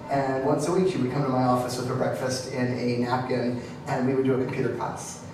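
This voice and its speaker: Flat-voiced man, earnest interview. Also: mid-range voice, fairly quick, background noise. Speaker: founder of a tech program. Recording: echoey, distant, crowd behind.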